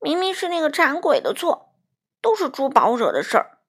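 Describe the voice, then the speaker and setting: A woman voicing a stubborn, bratty little boy crow who shouts and sulks in a shrill voice. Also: normal speed, close to an everyday voice. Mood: sulky.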